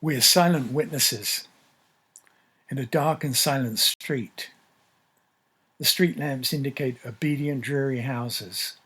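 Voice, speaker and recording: A male narrator reads a scripted story at a measured, descriptive pace. His voice is husky, with a slightly rough grain. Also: mid-range voice, sharp tone.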